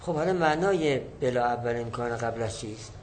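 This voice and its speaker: A man's voice: medium pitch, darkish tone, a little hiss or hum, low-quality recording. A man teaching a lesson, reading a classical text and explaining it line by line, repeating and rephrasing points. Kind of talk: lecturing on a classical Arabic text.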